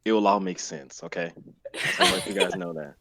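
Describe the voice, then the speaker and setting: A man in his twenties, a writer and performer, chats casually on a group livestream, explaining things in a rambling, circling way over a loud crowd. His low voice stays steady at normal speed.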